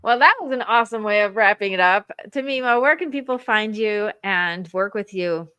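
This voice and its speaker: A woman hosting a live interview in a casual, animated way, acting out inner voices as she talks. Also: mid-range voice, moderate pace, clean tone, no echo, highs cut off. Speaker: show host, marriage coach.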